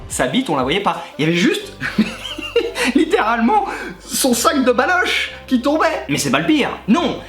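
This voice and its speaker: A man's voice: very high-pitched, normal speed. Man telling crude stories in an echoey room. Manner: animated, crude and laughing, addresses the listener directly. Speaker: YouTuber recounting his time as a gym coach. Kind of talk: comedic anecdote storytelling to the viewer. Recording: echoey room with faint background music.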